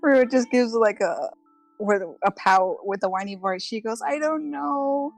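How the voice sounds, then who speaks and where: A woman playing a tabletop game, describing her character's actions in a giggly, animated way. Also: medium pitch, normal speed, soft background music. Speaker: player.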